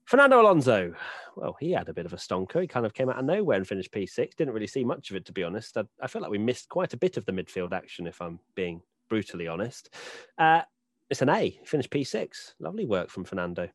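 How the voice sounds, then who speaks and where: A woman's voice: very deep voice, sing-song, fast, dry recording, clean studio sound. A woman co-hosting a casual panel chat, teasing and upbeat. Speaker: co-host.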